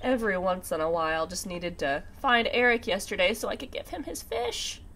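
A sing-song, fairly quick and fairly bright woman's voice at medium pitch narrates a casual let's play as she talks to herself. A sinus infection leaves her slightly nasal and congested, and she is recovering from a cough and sore throat. Video game music plays, and there is a little hiss or hum.

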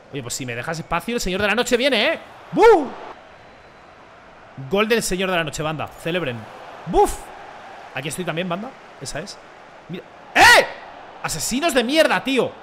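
A young man, commentating his football video game with jokes, dramatic rants and sudden shouts. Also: high-pitched, a little hiss or hum. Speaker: gaming streamer.

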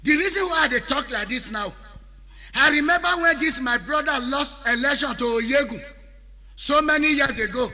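Nigerian musician with an Edo Pidgin accent, very high sharp voice, preachy half-sung spoken word over music in a long echo. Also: male voice, moderate pace. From Benin City, Nigeria. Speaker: highlife musician. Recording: long reverb with backing music.

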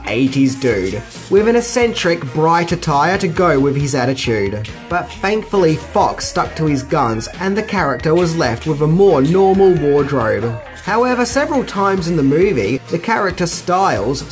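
A middle-aged man hosting a scripted film trivia video with casual, slangy asides. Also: a little high. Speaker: video host.

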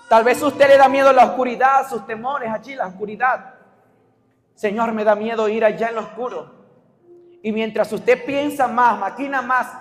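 A young pastor with a strikingly high voice preaches an impassioned sermon. He shifts from hushed, confiding asides to shouted calls to the congregation. His voice rings out through a church hall with a long reverb. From Mexico. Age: young adult. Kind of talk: evangelical sermon.

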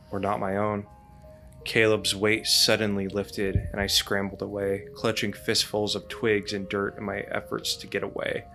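A man's voice: on the low side, bright, forceful tone. A man hosting a podcast, reading a scary campfire story aloud with dramatic delivery. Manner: dramatic reading broken by laughter. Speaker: podcast host.

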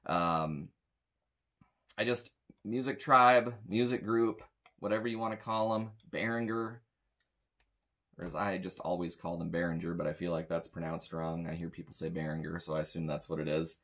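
Low-pitched and a bit bright, this American sound tech in his thirties talks at normal speed with fairly even intonation. In a small room with metal shelving, he offers a casual, rambling gear review in a blunt, grumbling tone.

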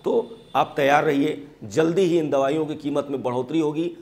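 Earnest male news presenter, higher voice. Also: moderate pace, darkish tone. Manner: earnest explanatory delivery with hand gestures. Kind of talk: studio news commentary. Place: TV studio. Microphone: lapel mic.

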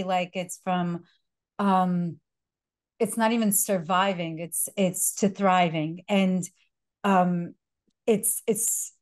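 A woman's voice: mid-range voice, a little mellow, no room sound, clean studio sound. Earnest woman hosting an interview. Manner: emotional, earnest, searching for words with fillers. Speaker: podcast host.

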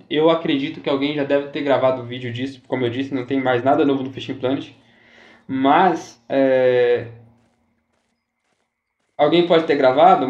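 Here a YouTuber with a medium-pitched, somewhat mellow voice offers casual tips for a fishing game. Chatty and repetitive, he frequently addresses viewers with "galera" and "tá?". The audio sounds dull, with a roomy echo.

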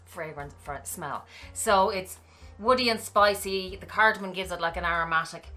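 This is a woman talking to her camera as a handbag and fragrance vlogger. Her voice sits a little low yet sounds bright and forceful. She chats effusively with her viewers while faint music plays behind her. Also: normal speed. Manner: chatty and effusive, thanks viewers warmly and often. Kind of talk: casual vlog chat to camera.

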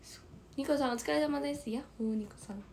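Hoarse chatty Kansai woman on a stream. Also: high voice, quick pace, a little mellow, slight background noise. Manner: chatty, often dropping into a breathy whisper. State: hoarse, strained throat. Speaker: idol livestreamer. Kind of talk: casual livestream chat reading viewer comments.

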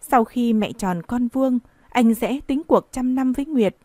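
A woman's voice: fairly high pitch, unhurried, warm tone, no room sound. A woman reading the part of an evasive young man who soothes his lover, in a coaxing, reassuring tone. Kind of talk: audiobook dialogue reading.

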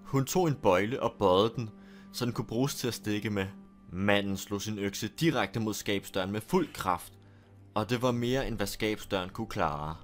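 A man with a low voice reads a horror story aloud. He keeps a steady, deliberate storytelling pace. Faint music plays under his narration.

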